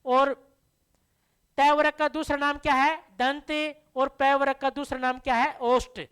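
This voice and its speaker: A woman teacher leads a slow, patient classroom lesson. Her voice sits high. She speaks to the students as dear children, putting questions to them and answering each one herself so the terms stick. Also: level tone, fairly bright tone. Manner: addresses listeners as dear children.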